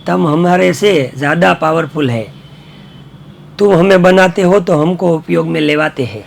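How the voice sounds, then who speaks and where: A man's voice: fairly high pitch, normal speed, gravelly, a little hiss or hum. A man voicing a humble machine that pleads it is nothing without the people who built it. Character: humble machine surrendering to its human maker.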